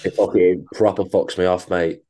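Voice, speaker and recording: A man's voice: deep voice, flat delivery, moderate pace, mellow. A man co-hosting a podcast, chatting casually in a rambling, sweary, joking way. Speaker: podcast co-host.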